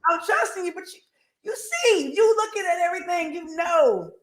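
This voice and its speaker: Speaking at a moderate pace in a very high-pitched voice, this podcast host is a woman in her forties chatting casually over a video call. Her faith-filled talk is animated, and she repeats phrases to drive points home, all recorded in an echoey room.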